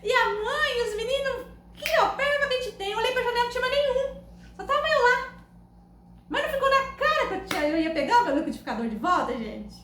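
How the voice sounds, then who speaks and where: A woman with a Brazilian Portuguese accent, telling funny stories to her camera in a loud, animated, laughing way. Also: very high-pitched, fast. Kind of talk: casual storytelling to camera. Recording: echoey room, faint background noise.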